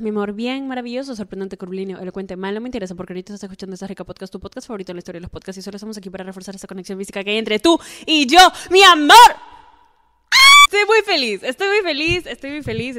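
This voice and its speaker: A woman hosting a podcast in a casual chat, playful and showering the listener with flattering pep talk. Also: medium pitch. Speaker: podcast host. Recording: long reverb.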